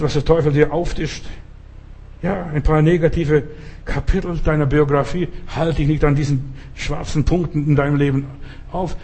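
A man's voice: on the high side, darkish tone, breathy edge. A male pastor preaching a sermon in an emphatic way, often asking the listener directly.

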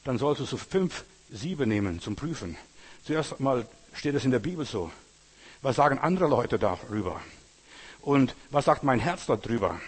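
A man's voice: on the high side, breathy edge, big-room sound. A man preaching a sermon, emphatic and repetitive, often addressing the listener directly.

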